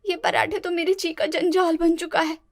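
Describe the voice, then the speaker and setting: A woman's voice: very high-pitched, flat delivery, moderate pace, dry recording, clean studio sound. A woman voicing a timid, naive young daughter-in-law in a cartoon, stammering and pleading. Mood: anxious. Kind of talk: cartoon voice acting.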